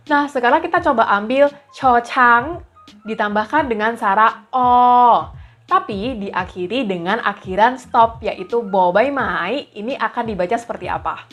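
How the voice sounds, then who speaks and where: A woman teaching a language lesson, explaining rules patiently and repeating example syllables slowly. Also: mid-range voice, a bit bright.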